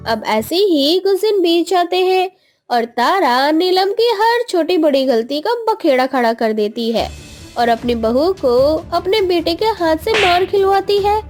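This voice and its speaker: A woman narrating a cartoon story with an expressive, storybook delivery. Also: very high-pitched, unhurried, faint music behind.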